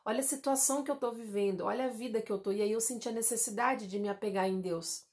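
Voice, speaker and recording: A woman's voice: on the high side, quick pace, a little mellow. Woman in her 30s from southern Brazil, chatty testimony vlogger who addresses her viewers directly. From Santa Catarina, Brazil. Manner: chatty, addresses viewers as "gente", many fillers like "né" and "tá". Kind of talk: personal testimony vlog.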